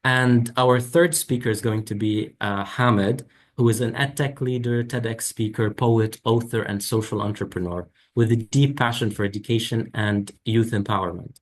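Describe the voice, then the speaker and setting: Low-voiced man moderating a youth webinar. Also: steady tone. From Lebanon or Syria. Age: young adult. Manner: measured, reflective, occasional fillers. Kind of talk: formal introductory talk. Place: online webinar. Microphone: video call.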